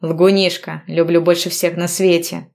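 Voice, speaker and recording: A woman's voice: on the low side, level tone, a little slow, creaky, darkish tone. A woman voicing a cocky, teasing young man who banters with his lover in mock-stern tones in an audiobook story. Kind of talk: audiobook dialogue reading.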